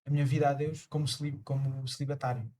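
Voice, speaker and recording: A man, a deacon preparing for priesthood, speaking slowly and reflectively with many pauses and fillers. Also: mid-range voice, little pitch movement, dark tone. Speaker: transitional deacon, guest. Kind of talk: casual conversation.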